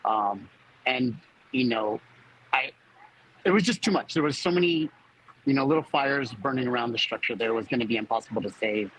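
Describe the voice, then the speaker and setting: A man of about fifty giving a personal account as a fire captain in an interview, speaking haltingly as he searches for words. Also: mid-range voice, fairly bright tone, a little hiss or hum, poor audio.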